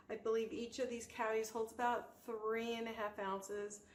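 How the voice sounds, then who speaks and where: Woman, casual tutorial host, informal step-by-step explaining, medium pitch, roomy echo, faint background noise. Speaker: host of a soap-making tutorial channel.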